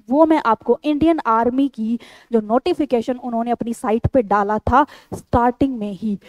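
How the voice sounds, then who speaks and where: A woman's voice: fairly high pitch, darkish tone, dry recording, low-quality recording. A woman tutoring exam candidates online, talking straight to her viewers in a firm, insistent way and repeating her key points. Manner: addresses viewers as a group. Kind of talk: direct-to-camera instructional talk.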